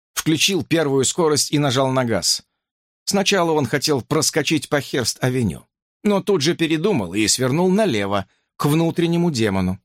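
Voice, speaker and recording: Man, audiobook narrator, lively expressive delivery, dry close recording. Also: medium pitch, no room sound. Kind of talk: scripted horror narration.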